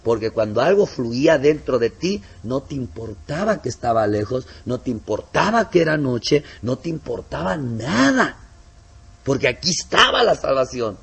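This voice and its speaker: A man preaching a sermon as pastor. He acts out conversations and swings between loud emphasis and soft asides. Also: very animated, normal speed, vocal fry, slightly rough. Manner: preaching with sharp swings in pitch and loudness; acts out both sides of dialogues, softening for asides.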